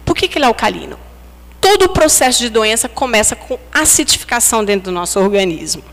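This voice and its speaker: A Brazilian woman with a fairly high voice gives a religious lecture. She keeps it conversational and checks in with her listeners. Her words ring out with the long reverb of a large hall. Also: big pitch swings, quick pace, a bit bright. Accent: Brazilian Portuguese. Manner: conversational, asks the audience for agreement. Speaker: speaker at a spiritist center.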